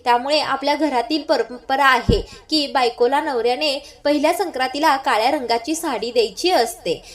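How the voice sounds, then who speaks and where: A woman's voice: high-pitched, lightly acted. A woman reading the lines of a motherly aunt in a TV serial, who scolds and coaxes. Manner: scolding, coaxing. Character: motherly older aunt, scolding but caring.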